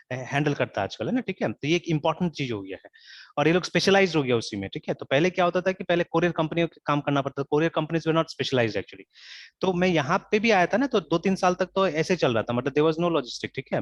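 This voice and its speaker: An informal online coding class is led by a man whose voice sits on the high side. He mixes in English and checks in constantly with "theek hai", and the recording is dry, dull and lo-fi with no echo.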